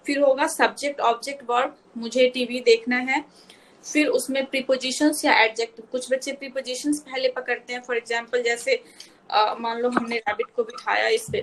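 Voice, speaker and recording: Woman speech therapist, fairly high voice, patient step-by-step teacher mixing in English terms. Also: fairly bright tone, poor audio. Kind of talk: live online Q&A talk to parents.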